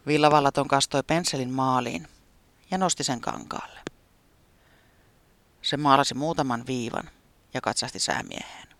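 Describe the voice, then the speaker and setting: A storyteller gently reading a children's story aloud, with an expressive, sometimes whispery delivery. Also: mid-range voice, long pauses, dry recording.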